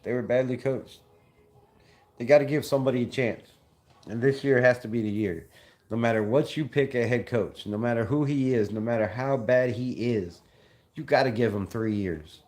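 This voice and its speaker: A young Southern California man hosts a casual livestream for a fan channel, speaking loosely in slang and repeating himself as he reads chat comments. His voice is mid-range with a darkish tone.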